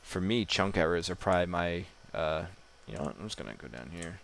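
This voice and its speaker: Gravelly deep-voiced man rambling through gameplay. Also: animated, brisk. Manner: rambling, self-deprecating, occasional swearing. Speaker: gamer. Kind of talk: casual gameplay commentary. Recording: noisy home mic recording.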